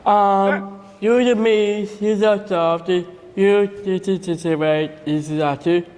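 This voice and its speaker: A man's voice: high voice, fairly even intonation, slow, darkish tone, long reverb tail. A man taking part in an eating challenge, chatting casually with heavy stammering as he gropes for words. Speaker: challenge participant. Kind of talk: casual chat.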